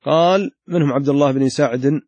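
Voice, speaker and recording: Fast-reading male scholar, dry close sound. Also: on the high side, a little mellow, dry recording, dull audio. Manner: reads passages, then restates them in his own words with added emphasis. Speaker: Islamic scholar teaching a lesson. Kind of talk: reading a classical text aloud and explaining it.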